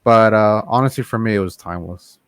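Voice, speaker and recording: A man's voice: fairly low pitch, fairly quick, smooth, dry recording, studio quality. A man in a casual group chat who speaks hesitantly, with many ums and uhs.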